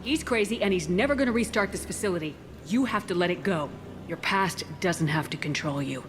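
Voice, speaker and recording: A woman voicing a level-headed military space commander in a video game, calm and authoritative. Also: on the low side, a little fast, music in the background, natural voice. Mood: firm, reassuring.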